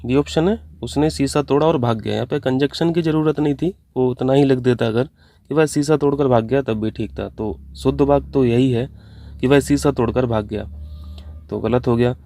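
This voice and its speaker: A man's voice: medium pitch, normal speed, vocal fry, mellow, no room sound. A man teaching an online exam-prep lesson, working through answer options step by step and mixing English terms into his explanations. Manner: mixes English terms into Hindi. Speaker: Hindi teacher.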